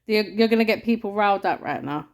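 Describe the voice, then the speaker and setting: A woman's voice: mid-range voice, fast. A woman co-hosting a podcast, teasing and playful in casual chat. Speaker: podcast co-host.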